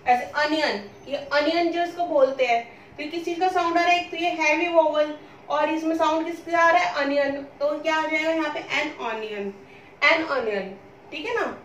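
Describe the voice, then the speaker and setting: A woman with a high, bright voice teaches a grammar lesson and keeps asking questions that she answers herself. She is recorded from some distance in a roomy, echoing space, with a faint ambient hiss behind her. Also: steady tone, a little fast. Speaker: English teacher. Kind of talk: classroom-style lesson explanation. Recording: roomy echo, speaking from a distance.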